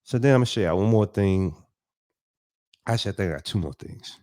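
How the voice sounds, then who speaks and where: This man, host of a crypto commentary show, has a lowish, slightly fast, darkish voice and a stuffy nose from a cold. He casually comments on a news article and reads it aloud, thinking loosely out loud with frequent ums and restarts.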